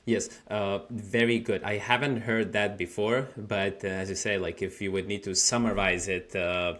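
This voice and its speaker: A male podcast host puts questions to his guest in a lowish voice. He fills his pauses with "uh" and rephrases as he goes, building each question step by step. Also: level tone, fairly bright tone. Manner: hesitant questions with many "uh" fillers. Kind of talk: interviewing a guest.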